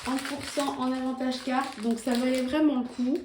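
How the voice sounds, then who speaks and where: A woman's voice: high-pitched, flat delivery, normal speed. A woman chatting casually to viewers about her groceries, full of hesitations and asides. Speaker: vlogger showing her grocery haul. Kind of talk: casual vlog chat. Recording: echoey room with faint noise.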